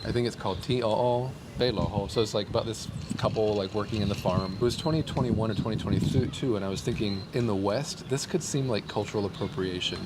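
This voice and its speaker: A man in his thirties who grew up in Taiwan, chatting casually and telling relaxed stories with frequent laughs. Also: on the low side, fast talker, hardly any pauses. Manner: relaxed storytelling, laughs often. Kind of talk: casual chat. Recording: street noise behind.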